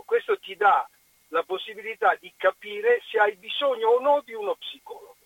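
Male caller, on speakerphone, dull phone line, high bright voice, very lively pitch. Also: moderate pace, no echo. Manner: chatty, lively storyteller. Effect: on speakerphone over a phone line. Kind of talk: phone-in chat, telling an anecdote.

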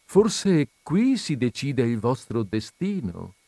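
A man's voice: medium pitch, big pitch swings, slow pace, warm tone, dry recording, heavily acted. A man voicing a fussy, indignant older widow of a colonel, in a raised, sighing voice. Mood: coaxing.

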